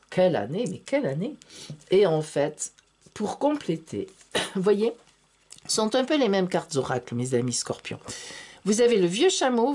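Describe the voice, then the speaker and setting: Theatrical French-speaking tarot woman, slow and lively. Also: mid-range voice. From France. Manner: theatrical, exclamatory, addresses viewers as friends. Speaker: tarot reader. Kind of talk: tarot reading monologue to camera.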